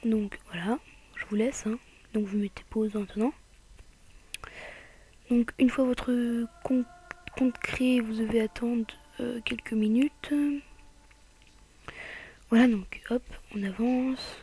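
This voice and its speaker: A woman with a French accent talks viewers through a tablet tutorial in a casual, hesitant way, often dropping to a half-whisper and filling pauses with "euh". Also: on the high side, fairly even intonation, warm tone. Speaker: tutorial maker. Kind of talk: casual screen tutorial voice-over.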